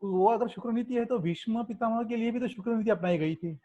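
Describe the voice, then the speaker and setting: A man's voice: very high-pitched, a little fast, warm tone, highs cut off. A man joining a discussion with questions, hesitating and searching for words. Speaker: participant in discussion.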